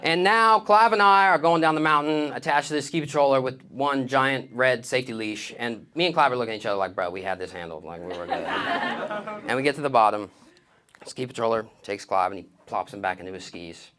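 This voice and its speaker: A man's voice: medium pitch, fairly quick, sharp tone. A young man doing stand-up on stage, telling stories in casual slang and acting out the dialogue. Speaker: stand-up comedian. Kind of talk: stand-up comedy storytelling on stage. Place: on stage before an audience.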